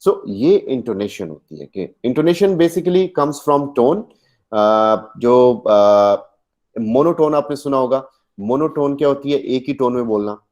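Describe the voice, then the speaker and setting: Mellow-voiced Pakistani man lecturing animatedly. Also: medium pitch. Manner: animated, demonstrates stress and intonation in slow drawn-out example sentences. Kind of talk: online lecture mixing Urdu and English.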